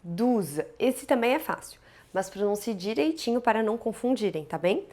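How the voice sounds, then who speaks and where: A woman with a Brazilian Portuguese accent teaching French numbers in an upbeat, playful online lesson, drilling each word slowly. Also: fairly high pitch, animated, a little mellow.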